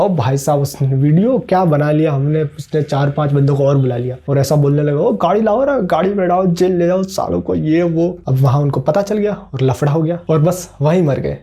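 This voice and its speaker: A young man telling a personal story casually and self-mockingly, acting out the voices of the people in it. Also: a little high. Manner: animated, self-mocking, acts out quoted voices. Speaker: vlogger.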